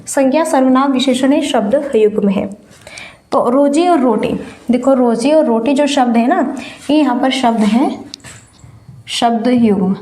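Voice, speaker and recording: Though feverish, a woman teacher delivers an exam-prep lesson, explaining slowly and stressing key words by repeating them. Her voice sits high and warm, and the sound is roomy.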